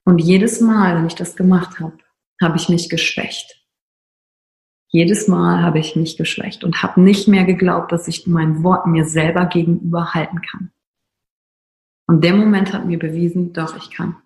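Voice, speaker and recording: Gravelly-voiced woman telling a personal story. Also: fairly low pitch, fairly even intonation, unhurried, darkish tone, echoey room, low-quality recording. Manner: emphatic, confessional, with repeated phrases for stress. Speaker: speaker.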